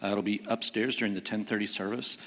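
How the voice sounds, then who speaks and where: Man, low voice, halting church announcement, reverberant hall. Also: fairly even intonation, a bit bright. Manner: plain, slightly halting, with many "uh"s. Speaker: church ministry volunteer giving an announcement. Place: church sanctuary stage.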